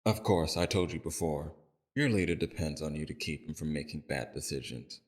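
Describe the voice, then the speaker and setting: In an audio roleplay, a man voices a calm, courteous villain leader, his very deep, gravelly voice staying civil and measured as he softly probes.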